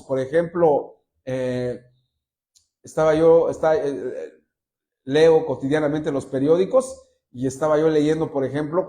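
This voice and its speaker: A man with a Mexican accent preaching a sermon from a church pulpit, telling stories in an animated way and acting out quotes. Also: fairly high pitch. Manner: animated storyteller, acts out quotes. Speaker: pastor.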